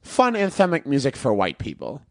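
A man's voice: mid-range voice, wildly swooping pitch, no echo, studio quality. A man co-hosting a podcast in casual chat, talkative and laughing often. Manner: chatty, laughs often, does quick mock voices. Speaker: podcast co-host.

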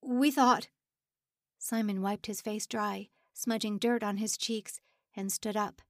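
Woman audiobook narrator, even storytelling, close dry mic. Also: medium pitch, unhurried, no echo.

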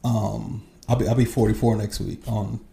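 A man in his forties with a deep, very dark and mellow tone speaks in a relaxed, candid podcast conversation. His talk is loose and profane, broken up by easy laughs. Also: moderate pace, vocal fry, slight background noise. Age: 40s. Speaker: podcast guest. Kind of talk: casual chat.

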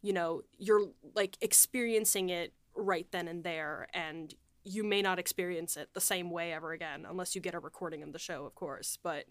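With hardly any pauses, a young adult woman talks at normal speed in a lowish, fairly even voice during a casual, reflective group chat. A podcast co-host, writer and producer, she's effusive and keeps hesitating on "like"; no room sound is audible.

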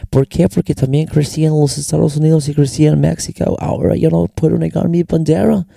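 This young podcast host from Mexico delivers a loose solo monologue full of slang, moving between Spanish and English with a Mexican Spanish accent touched by American English. His slightly high voice is gravelly and mellow, fairly quick and flat in delivery, recorded on a close mic with no echo.

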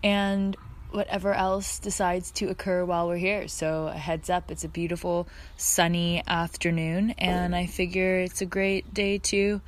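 A woman's voice: on the low side, little pitch movement, measured pace. A woman hosting a casual, reflective podcast from her backyard, speaking in an earnest, effusive way. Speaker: podcast host. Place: outdoors in a backyard.

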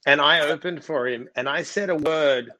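A man's voice: on the high side, normal speed, pushed and bright. A man from Australia with an Australian accent, a comedian telling an anecdote in casual chat. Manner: laughing, anecdotal storyteller.

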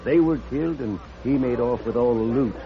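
A man's voice: medium pitch, brisk, natural voice. An actor playing a blunt, knowing saloon barman in a vintage radio western, folksy and challenging. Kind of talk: 1940s radio western acting. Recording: dull vintage radio recording.

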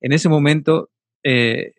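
A man's voice: a little high, fairly even intonation, slow, dry recording. A man interviewing casually, speaking hesitantly and affirming often with short interjections. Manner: hesitant, frequent affirming "ujú". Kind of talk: casual conversation.

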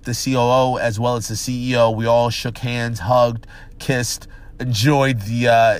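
A man with a stuffed-up, nasal voice giving earnest, casual advice on working together at the executive level, often repeating and restarting his phrases. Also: mid-range voice. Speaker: business executive vlogger. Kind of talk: casual direct-to-camera advice.

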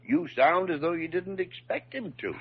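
A gruff senior doctor speaks with a husky, swooping voice. He is blustery and emphatic, in the theatrical manner of classic radio drama. The old recording is muffled. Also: high-pitched, lively intonation, normal speed, heavily acted. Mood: probing, exasperated. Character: gruff senior doctor, mentor to a younger colleague.

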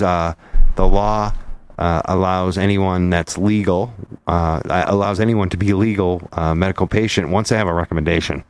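A man co-hosting a casual radio talk show, joking and teasing before turning to the topic. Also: low voice. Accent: Boston. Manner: joking and teasing, fast and animated. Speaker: radio co-host.

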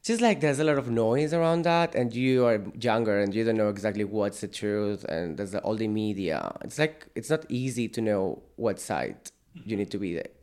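Lowish-voiced Catalan Spanish man. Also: lively intonation, darkish tone, clear, resonant tone. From Catalonia, Spain. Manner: halting, non-native English with repeats. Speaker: interview guest.

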